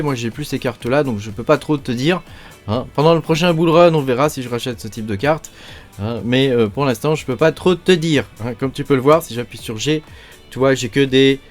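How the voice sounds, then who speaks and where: Chatty French-speaking man, screen tutorial. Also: medium pitch. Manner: chatty, filler-heavy, addresses viewer as tu with frequent hein. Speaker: crypto mining YouTuber. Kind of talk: casual screen-share tutorial.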